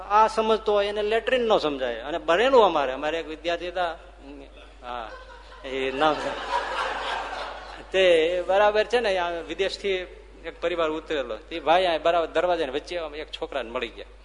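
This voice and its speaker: Man, swami's sermon, lively storytelling, raised pitch, long hall reverb. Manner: animated storyteller who acts out dialogue and laughs. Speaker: swami giving a religious discourse. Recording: reverberant hall with faint ambient noise.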